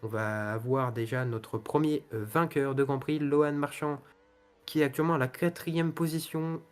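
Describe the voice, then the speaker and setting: A man with a mid-pitched voice works as a motorsport commentator. He calls the race and standings in an improvised way, pausing and hesitating as he looks for the next word. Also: steady tone, clear, resonant tone. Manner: hesitant, searching for words between calls. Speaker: motorsport commentator and host of a racing league show.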